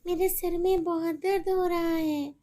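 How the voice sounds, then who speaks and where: A meek cartoon schoolgirl who pleads softly and politely, as a woman narrator puts her on. Her voice is high and gentle, and it drops quieter as she begs. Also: steady tone, measured pace. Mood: pleading. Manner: soft, pleading.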